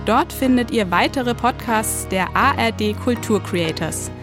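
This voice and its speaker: A woman announcer reads a scripted promo in a clear, upbeat voice that sits on the higher side. A clear music bed runs underneath. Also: a little slow.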